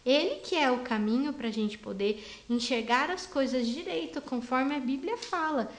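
A woman teaching a Bible lesson to small children, talking gently and simply. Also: sits high, moderate pace, echoey room. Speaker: Sunday school teacher.

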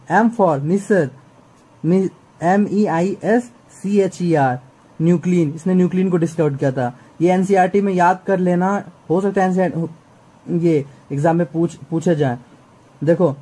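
Dark-voiced man tutoring biology. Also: on the high side, poor audio. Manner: chatty, repeats, keeps checking students follow. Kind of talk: exam-prep lesson.

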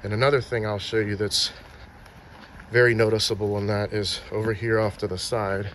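A man's voice: fairly low pitch, flat delivery, moderate pace, a bit bright, a little hiss or hum. A man filming with a handheld phone outdoors, casually narrating a tour of filming locations and pointing out details. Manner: chatty, pointing things out, restarts often. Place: outdoors and at shop windows in a small town.

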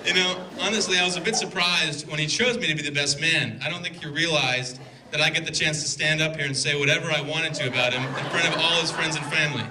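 Talking fast with hardly a pause, a man with a slightly high voice delivers his best-man toast from notes into a handheld mic. He's in his twenties, his humor is dry and teasing, and the indoor reception hall is noisy with guests laughing.

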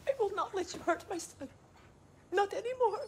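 A woman's voice: very high-pitched, moderate pace, warm tone, slight background noise. A woman playing a long-suffering, protective wife and mother who stands up for her child in a video game. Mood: pleading. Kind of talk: dramatic video game acting.

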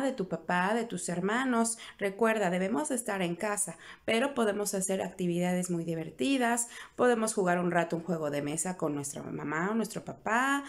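A woman teacher leading small children in a greeting song and action game, slow and sing-song. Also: mid-range voice.

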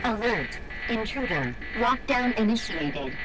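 A woman voicing a calm female security computer that reads out system alerts in a computer announcement voice. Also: on the high side, unhurried, over music, low-quality recording.

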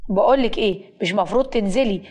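A woman in Egyptian Arabic voicing a stern, quick-tempered young husband who talks in curt threats, in a storybook tale. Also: medium pitch, darkish tone, lightly acted.

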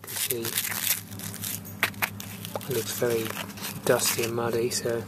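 A man's voice: medium pitch, completely flat delivery, slow, very noisy. A man, a refrigeration technician, casually talks through what he is showing, thinking aloud with fillers in a matter-of-fact way, recorded outdoors on a camera mic. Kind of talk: casual hands-on narration. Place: outdoors in a yard.

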